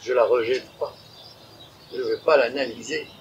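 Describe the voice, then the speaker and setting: A man giving a spiritual conference lecture, animated and acting out little inner dialogues while calling his listeners habibi. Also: mid-range voice, normal speed, slight background noise, rough recording. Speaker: conference speaker.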